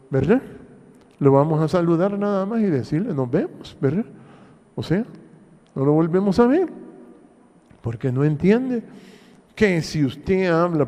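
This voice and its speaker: Honduran pastor guy preaching slow, voice swooping up and down, lots of reverb in the church. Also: fairly high pitch, mellow. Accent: Honduran Spanish. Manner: preaching, addresses the congregation with repeated rhetorical questions. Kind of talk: sermon. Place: church hall.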